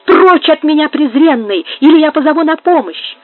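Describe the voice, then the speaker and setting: A woman reading aloud and voicing a terrified, furious young woman who cries out in shrill, high-strung bursts. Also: expressive, normal speed, no echo, soft background music. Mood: frantic, hateful. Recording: tinny phone-like sound.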